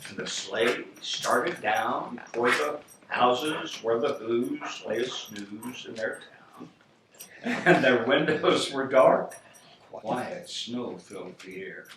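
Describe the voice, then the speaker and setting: Animated, slow-reading middle-aged or older man. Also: medium pitch. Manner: theatrical, deliberate, rhythmic verse delivery. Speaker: grandfather reading to family. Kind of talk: animated storybook reading aloud. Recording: roomy distant home recording, faint noise.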